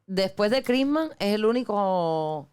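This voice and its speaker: Woman, smooth resonant voice, relaxed casual chat, mixes in English words. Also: medium pitch, unhurried. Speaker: granddaughter, co-host.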